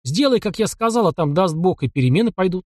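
A man plays a bold young hunter of the taiga with a sharp, scheming tongue. His voice sits raised and lively, mocking whoever he talks to. The sound is dry and close, like a storybook reading. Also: sits high, fast, no room sound, pitched above the performer's own voice. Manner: mocking, cocky and cunning.

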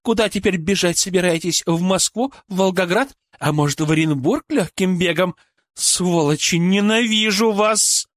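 A man's voice: high voice, normal speed, no room sound, clean studio sound, voice pushed up, natural voice. A man reading an audiobook, voicing an angry, bitter woman, a former shop clerk and mother, who hurls accusations and insults. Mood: bitter, furious. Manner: harsh, accusing, shouting insults.

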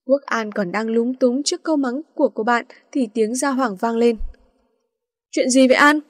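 High-voiced woman reading a story. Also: normal speed, a little mellow, no room sound, studio quality. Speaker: narrator. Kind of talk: storybook narration.

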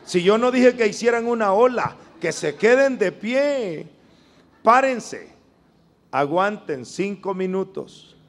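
A man preaching a sermon to a congregation, emphatic and drawn out, calling on them to repeat after him. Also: high-pitched.

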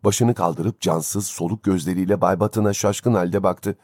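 A man reading a story aloud as an audiobook narrator, in a measured, expressive way. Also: deep voice, dry recording, clean studio sound. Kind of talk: scripted narration.

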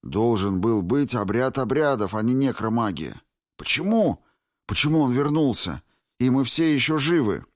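A man's voice: mid-range voice, expressive, normal speed, no room sound, studio quality, pitched above the performer's own voice, close to an everyday voice. A man voicing a stunned, bewildered male mage in an audiobook, muttering anxious questions.

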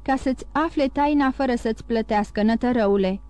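A woman's voice: fairly high pitch, darkish tone, no room sound, lightly acted. A woman voicing a sickly, suspicious innkeeper's wife who speaks in a muffled, scornful way in an audiobook.

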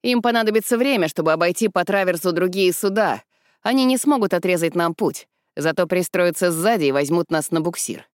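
A woman voicing a stern older woman who commands a riverboat, speaking quietly and decisively. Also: on the low side, animated, fairly quick, no echo, clean studio sound, natural voice. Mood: tense.

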